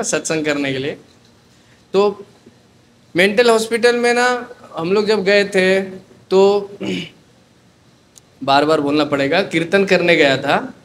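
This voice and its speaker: A man preaching a sermon, telling a story in an animated way and mixing in English phrases. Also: high-pitched, slight background noise.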